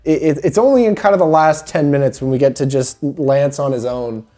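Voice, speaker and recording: A co-host with a mid-pitched, dark and mellow tone talks through a film in relaxed podcast chat. The speech is thoughtful and comes in long run-on stretches, full of small restarts as ideas form. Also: fairly quick. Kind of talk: casual film-review chat.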